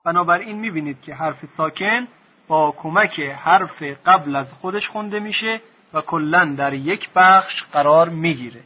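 A man teaching Quranic reading, drawing out each syllable slowly for the listener to repeat. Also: a little high, husky, highs cut off. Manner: slow, drawn-out syllables for repetition. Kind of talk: Quran recitation lesson.

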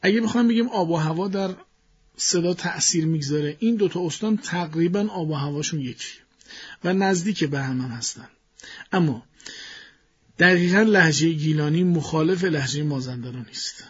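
A man with a fairly high, husky voice explains his ideas to an interviewer, measured and thinking aloud. The sound is dull and muffled, like a studio broadcast. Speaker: guest voice expert.

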